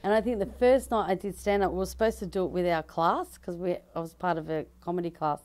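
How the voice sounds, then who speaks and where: A woman's voice: on the low side, a little mellow. Chatty Australian woman in an interview. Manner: chatty, laughs easily, trailing restarts. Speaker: comedian and fashion designer. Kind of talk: casual interview answers. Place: bridal dress shop, indoors. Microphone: handheld mic held by interviewer.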